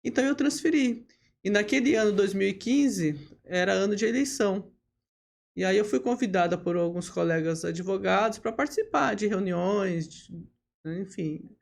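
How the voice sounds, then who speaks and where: A woman, a lawyer telling her career story as a podcast guest, steady and full of tag questions and hesitation fillers. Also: mid-range voice, normal speed, vocal fry. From Brazil. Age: 50s. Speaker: lawyer and bar association leader, podcast guest. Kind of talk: relaxed interview storytelling.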